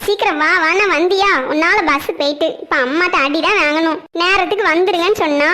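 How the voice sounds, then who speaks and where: A woman voicing a whole cast of children and mothers in a cartoon family drama, bright and animated, scolding and bickering. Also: very high voice, fast. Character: shifting cast of girls, boys and mothers. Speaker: voice actor for several family characters.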